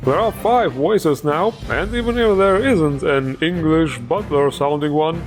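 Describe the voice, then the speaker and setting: A man's voice: fairly high pitch, a little slow, soft background music. A man hosting a game mod showcase, upbeat and joking, with plenty of enthusiasm. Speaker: host.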